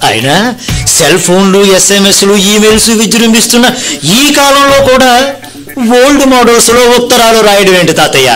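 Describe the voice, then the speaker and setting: An actor playing a mild, practical young married grandson in an old radio show drama. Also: male voice, sits high, animated, fairly quick, fairly bright tone, faint music behind. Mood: puzzled. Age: young adult.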